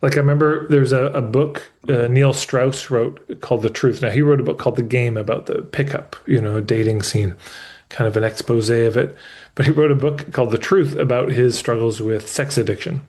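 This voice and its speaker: Male business coach, live session, mid-pitched, candid and emphatic, loose and sweary. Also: moderate pace, darkish tone. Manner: restarts mid-thought as he explains.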